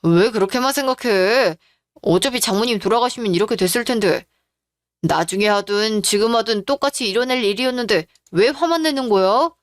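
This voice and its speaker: A woman's voice: on the high side, a little fast, no room sound, close to an everyday voice. A woman voicing a scheming, self-justifying husband in a radio drama, talking defensively and brushing off blame.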